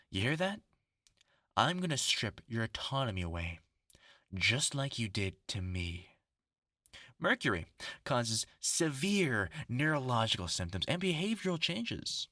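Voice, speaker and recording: In a horror audio drama, a voice actor gives a heavily acted turn as a vengeful, gloating superhuman scientist. His bright, sharp voice swings widely in pitch at a slow, theatrical pace, menacing and mocking, and is recorded very dry and close without echo.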